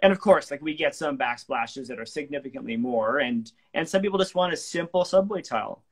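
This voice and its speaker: A man's voice: medium pitch, animated, brisk, slightly rough. A middle-aged man hosting a renovation talk show, chatting agreeably with his guest over a video call. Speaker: show host, renovation company. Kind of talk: casual interview talk. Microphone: video call webcam.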